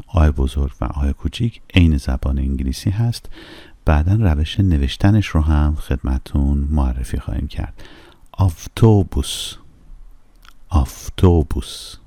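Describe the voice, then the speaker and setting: Very deep-voiced man teaching slowly. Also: mellow, dry recording. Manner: slow, careful pronunciation drills. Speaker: language teacher. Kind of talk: recorded language lesson.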